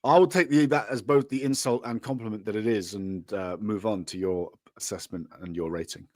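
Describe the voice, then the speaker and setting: A man's voice: lowish voice, a little fast, no room sound. A man hosting a film review podcast, teasing his co-hosts in a dry way. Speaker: podcast host. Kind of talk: casual film review chat.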